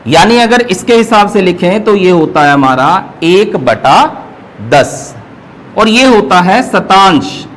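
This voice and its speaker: A man's voice: high voice, animated, takes it slowly, fairly bright tone, slight background noise, low-quality recording. A man teaching an online math class. He explains patiently and keeps checking that his students follow. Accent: Hindi, North Indian.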